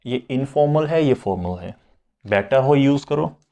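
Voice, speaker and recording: A man explains grammar to beginners at a slow, unhurried pace. His voice is dark and mellow, and he goes over each point twice, mixing Hindi and English. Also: mid-range voice, animated, vocal fry. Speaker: French teacher.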